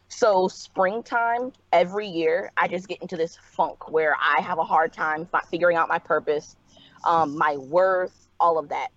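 A woman's voice: lowish voice, fairly bright tone, no echo, highs cut off. Woman on a choppy, breaking-up call line. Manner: candid, matter-of-fact storytelling. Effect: call line breaking up and cutting out. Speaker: caller. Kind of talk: casual chat, telling a personal story. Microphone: phone call.

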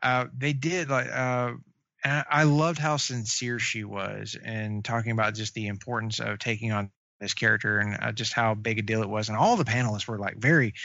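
A man co-hosting a casual chat about comic book shows, halting and full of fillers and restarts. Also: fairly low pitch, fairly even intonation, creaky, pushed and bright, dry recording. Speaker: podcast co-host. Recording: dry, dull lo-fi sound.

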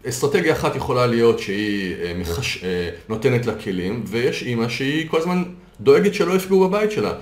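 A man's voice: medium pitch, animated, few pauses. A man coaching on a podcast, patiently explaining ideas through worked examples. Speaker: coach and consultant. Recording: roomy echo.

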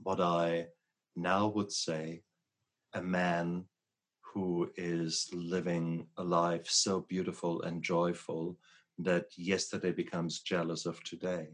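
Middle-aged man, interview host, very low voice, reflective storyteller. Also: completely flat delivery, takes it slowly.

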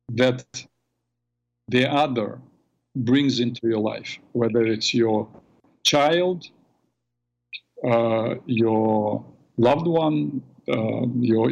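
A man hosting a call-in radio show in a smooth, calm and measured way, heard through a radio broadcast. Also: mid-range voice. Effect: radio broadcast sound. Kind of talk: smooth radio host talk. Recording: dull lo-fi radio sound.

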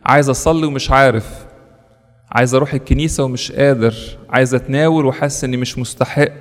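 Egyptian male priest, earnest sermon, mid-pitched voice, long hall reverb. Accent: Egyptian Arabic. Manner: earnest, uses rhetorical questions and lists.

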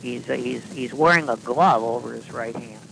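Man, podcast guest, gravelly voice, faint hum behind, rambling deadpan anecdotes. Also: mid-range voice, moderate pace, low-quality recording. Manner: deadpan, self-correcting storyteller with dry asides. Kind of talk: casual anecdotal storytelling.

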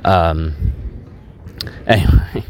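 A man speaking haltingly and candidly in a low-spirited, self-deprecating way, making a casual confessional audio diary on a handheld voice recorder outdoors. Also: darkish tone. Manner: hesitant, halting, candid with frequent long pauses. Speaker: podcast host. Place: outdoors in a public park while out walking. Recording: handheld dictaphone recording outdoors, background noise. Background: outdoor park ambience.

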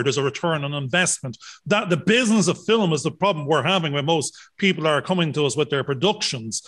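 Male interviewer, fairly high voice, casual chat, voices imagined quotes to make points. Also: a bit bright. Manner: talks in acted-out hypothetical quotes. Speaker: interviewer, former accountant.

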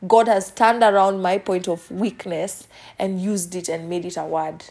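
A woman's voice: on the low side, fairly even intonation, unhurried, a little mellow. A middle-aged woman hosting a devotional podcast, talking earnestly in a preachy way. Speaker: podcast host.

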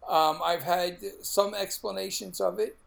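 Gravelly, high-pitched Brooklyn man. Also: steady tone, unhurried, a bit bright. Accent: Brooklyn, New York. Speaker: podcast co-host. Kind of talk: casual podcast chat.

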